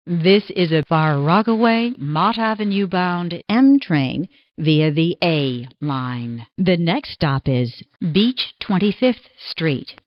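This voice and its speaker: A woman making formal, measured train station announcements, her recorded words spliced together one by one. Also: fairly low pitch, no room sound. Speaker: transit announcer. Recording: dull lo-fi recording.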